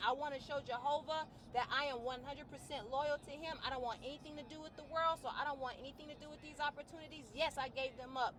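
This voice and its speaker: Speaking straight to camera, this fitness vlogger and trainer vents her personal frustrations bluntly and casually, her volume rising into outbursts and dropping into quiet reflection. A little background noise can be heard.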